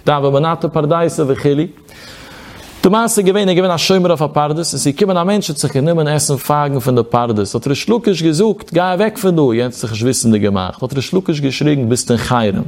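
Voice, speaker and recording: A man's voice: fairly high pitch, expressive, a little fast, darkish tone. A man giving a Talmudic study lecture as a religious teacher, in a sing-song study cadence that swoops up and down.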